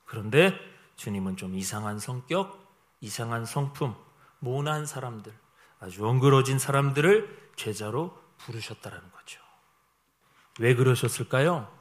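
Animated male preacher, lively pitch. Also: normal speed. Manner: animated preaching that swings between loud and hushed; humorous storytelling asides. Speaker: pastor. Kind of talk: sermon.

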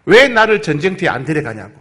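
Man voicing a hot-tempered young warrior-king, high and lively in protest. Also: quick pace. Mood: indignant. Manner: loud, high-pitched protesting outburst.

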